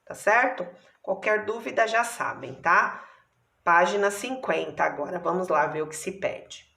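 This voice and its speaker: A Brazilian woman teacher talks her pupils through a lesson, slowly and patiently, stretching words out syllable by syllable. Her voice is bright and clear. The sound carries a noticeable room echo. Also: fairly low pitch, animated. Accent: Brazilian Portuguese. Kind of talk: online class lesson.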